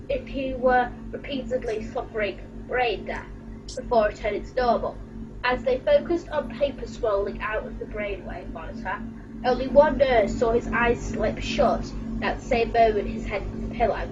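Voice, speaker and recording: A woman host reading a creepy story aloud and chatting casually, her voice worn out, hesitant at times. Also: a little high. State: losing her voice. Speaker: channel host. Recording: muffled, distant mic with music.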